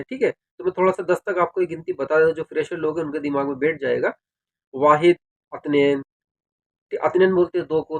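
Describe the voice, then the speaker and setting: A high-voiced video creator gives casual advice on working in Saudi Arabia, speaking conversationally and directly to viewers with fillers like "theek hai" and "yaar".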